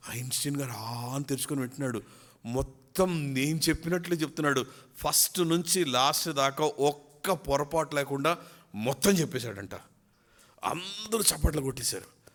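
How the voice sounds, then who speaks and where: A man preaching a sermon at a church youth retreat, telling a story in an animated way and acting out its quotes. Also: mid-range voice.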